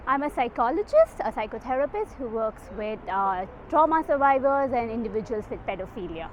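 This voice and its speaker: In an interview, a female psychotherapist and conference participant with an Indian accent answers reflectively and a bit hesitantly. Her fairly high voice swings widely in pitch and moves a little fast. The audio is muffled and background noise is clearly audible.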